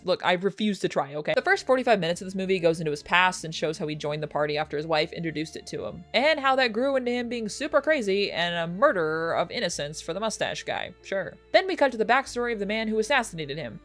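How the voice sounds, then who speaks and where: A young woman reviewing films in casual chat, sarcastic and swearing freely, with sudden jumps up in pitch for jokes. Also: fairly bright tone. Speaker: film reviewer.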